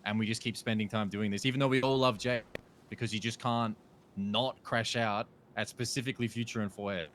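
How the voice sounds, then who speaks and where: A man's voice: on the low side, fairly even intonation, brisk, fairly bright tone, slight background noise. A man reasoning through a group dispute in character, with lots of filler words. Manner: reasoning, filler-heavy, laid back. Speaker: roleplay gang member.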